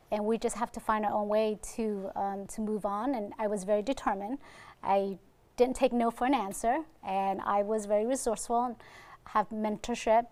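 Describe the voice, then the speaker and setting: A woman's voice: medium pitch, darkish tone. A woman in her forties, from Vietnam, answering as an ophthalmologist guest on a TV interview, earnest and determined with some fillers. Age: 40s.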